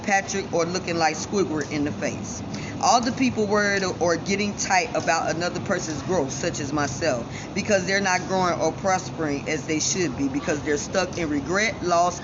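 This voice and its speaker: A woman from giving a defiant, self-assured personal monologue straight to viewers, her speech shaped by missing front teeth. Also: lowish voice. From Chicago, United States. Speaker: vlogger. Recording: dull lo-fi sound, loud ambient noise.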